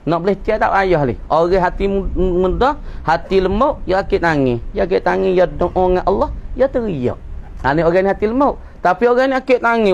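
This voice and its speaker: A male religious teacher with a Kelantan Malay accent and a voice pitched a little high. He reads out Arabic lines in a slow chant and then explains them quickly in local dialect. He keeps asking questions and answering them himself. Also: dull audio. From southern Thailand. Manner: asks and answers his own questions. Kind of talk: kitab study lecture.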